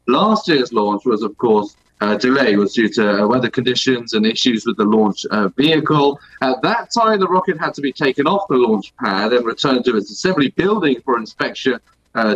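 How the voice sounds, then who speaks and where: Man on a low quality video call stream. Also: a bit bright, highs cut off. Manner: explains plainly, with many "uh" fillers. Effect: low quality video call audio, distant and echoey. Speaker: news correspondent. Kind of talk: live news discussion. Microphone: video call without working earphones.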